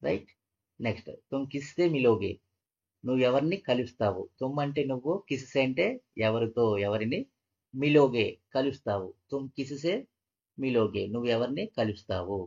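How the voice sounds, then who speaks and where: A man's voice: mid-range voice, normal speed, a little mellow, breathy edge. A man teaching a language lesson, patiently repeating each phrase and breaking it into parts. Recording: dull, muffled lo-fi audio.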